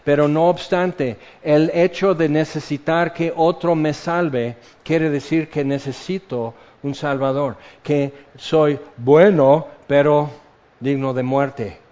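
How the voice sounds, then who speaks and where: A man preaching a sermon, slow and measured, repeating key phrases for weight. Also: a little high, fairly even intonation, a little mellow. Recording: dull lo-fi sound.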